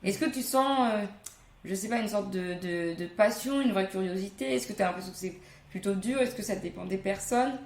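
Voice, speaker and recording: A woman's voice: medium pitch, normal speed, darkish tone. A woman hosting a casual podcast interview, chatty and thinking aloud with many fillers. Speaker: podcast host. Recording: roomy room sound.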